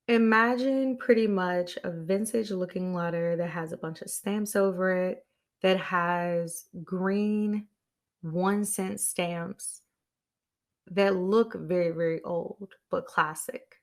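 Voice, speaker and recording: A woman's voice: lowish voice, steady tone, takes it slowly. A woman podcast host talking on her own to her listeners. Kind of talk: solo podcast talk.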